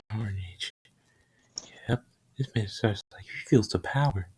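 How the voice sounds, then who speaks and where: A laid-back man chimes in with short agreements and the odd comment. His voice is low and husky. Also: normal speed, darkish tone, whispered. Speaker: co-host listener. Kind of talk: casual chat.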